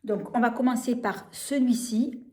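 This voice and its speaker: Slow, gushing French woman in an echoey room. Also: a little high, a little mellow. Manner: hesitant, many fillers and repeated words; gushing, enthusiastic over products. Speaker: beauty vlogger. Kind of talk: casual product demo.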